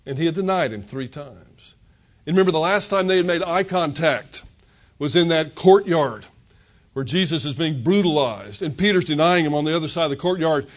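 A man's voice: a little high, lively intonation, moderate pace. An older man preaching a sermon, retelling scripture as a story and voicing the characters' words. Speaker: pastor.

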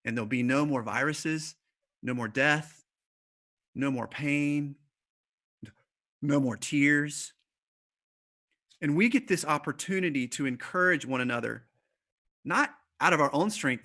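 Bright-voiced man preaching a sermon. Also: fairly high pitch. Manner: conversational preaching with fillers and repeated starts, slowing for emphasis. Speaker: pastor. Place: church service streamed online.

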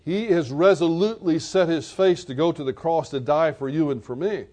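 High-voiced man preaching a sermon. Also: moderate pace, darkish tone. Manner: vivid storytelling, retelling scenes.

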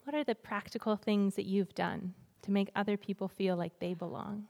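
A woman leads a gentle guided reflection at an unhurried, soothing pace. Her pitch is average and she leaves deliberate pauses between short invitations. The sound rings with the long reverb of a hall. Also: fairly even intonation, creaky. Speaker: guest church speaker. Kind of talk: gentle guided breathing and reflection before a sermon. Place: large church hall, speaking to a congregation.

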